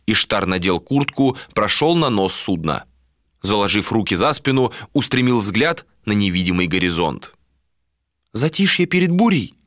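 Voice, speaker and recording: A male narrator reads an adventure audiobook in a measured, expressive way. His voice sits fairly low but sounds bright and forward, with a lively melody. The recording is close and dry. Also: no room sound.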